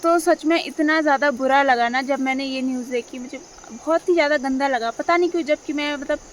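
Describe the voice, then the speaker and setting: A young woman talking casually to her viewers in a rambling way, repeating herself and filling pauses. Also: high voice, a little hiss or hum. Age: young adult. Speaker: vlogger. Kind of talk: casual talk to camera.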